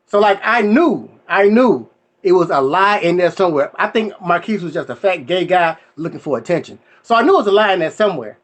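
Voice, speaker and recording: A young adult man with a fairly high voice works through a stand-up set. He tells stories in a loose, chatty way and slips into quick voices for the people in them. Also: animated. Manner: storytelling with voices for friends and family, loose and conversational. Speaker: stand-up comedian.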